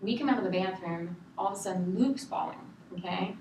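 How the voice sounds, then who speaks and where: A woman in a counseling session, telling a story in an animated, exasperated way and acting out other people's lines. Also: mid-range voice, a little fast. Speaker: counseling client. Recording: echoey room, mic at a distance, clear background hiss.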